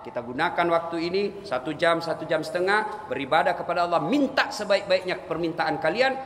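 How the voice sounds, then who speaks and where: A male preacher giving a humorous sermon, telling stories animatedly and shifting into solemn warnings. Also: a little high. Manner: animated storytelling, swings between jokes and solemn warning. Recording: reverberant hall with faint noise.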